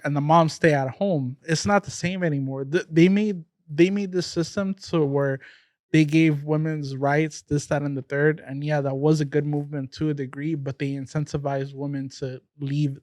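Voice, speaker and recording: A man's voice: on the high side, steady tone, moderate pace, darkish tone, no room sound, clean studio sound. A man co-hosting a podcast in casual chat, arguing his views bluntly and swearing now and then. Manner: argumentative, blunt, curses. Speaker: podcast co-host.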